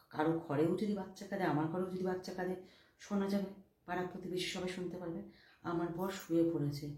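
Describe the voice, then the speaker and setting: Casting: low, mellow-voiced woman in her forties, casual home vlogger, roomy phone sound. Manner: chatty, storytelling to viewers. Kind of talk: casual vlog chat to viewers. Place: home at night. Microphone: phone camera.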